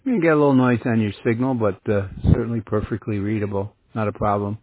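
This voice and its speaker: A man's voice: on the low side, fast talker, no room sound. A man working as an amateur radio operator, chatting casually over a two-way radio. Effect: two-way radio transmission. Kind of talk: casual ham radio chat. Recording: tinny, roomless narrowband radio.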